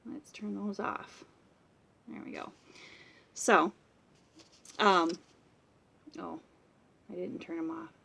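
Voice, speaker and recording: A woman's voice: mid-range voice, fairly bright tone. A woman in her thirties, a mother and blogger, talking casually and rambling to viewers on a live stream, laughing often and drifting off topic. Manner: chatty, rambling, laughs often, goes off on tangents. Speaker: blogger hosting a Facebook live.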